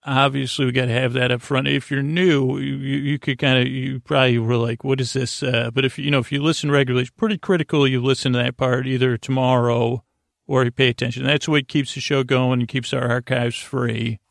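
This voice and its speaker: In a rambling monologue to help people sleep, a man with a creaky, medium-pitched voice and level tone hosts his podcast goofily yet soothingly. He stammers, pauses and wanders off into tangents. Studio-quality audio with no room sound.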